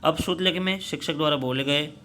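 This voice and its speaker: Bright-voiced man reading to children. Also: a little high, a little hiss or hum. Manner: plain, halting reading with many fillers and restarts. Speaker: teacher. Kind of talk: reading a workbook story and answering questions for children.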